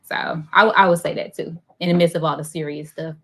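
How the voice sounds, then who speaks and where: A woman's voice: on the low side, steady tone, brisk, fairly bright tone. Young woman guest, earnest, filler-heavy delivery. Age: young adult.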